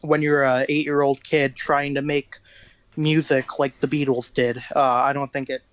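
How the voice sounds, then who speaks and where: A man's voice: medium pitch, level tone, moderate pace, clear, resonant tone. A teenage boy, guest musician in an interview, telling rambling self-deprecating stories in casual chat. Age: teens.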